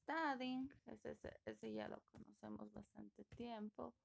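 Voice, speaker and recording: A woman's voice: fairly high pitch, steady tone, takes it slowly, vocal fry. A woman teaching an online class, patiently prompting her students and coaxing them to answer. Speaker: English teacher.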